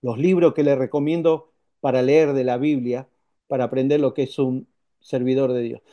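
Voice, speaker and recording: A man preaching a sermon, conversational and lively, with rhetorical questions and repeated points. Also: mid-range voice, normal speed, dull audio. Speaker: pastor.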